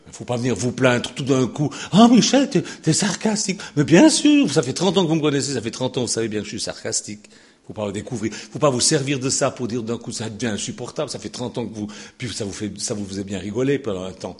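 An older man preaching a sermon, sarcastic and animated, dropping to low asides and rising to shouted peaks. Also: fast.

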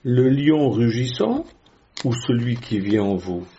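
A man's voice: medium pitch, lively intonation, takes it slowly, mellow, muffled recording, slight background noise. A man preaching a sermon in a conversational way, with rhetorical questions and frequent hesitations.

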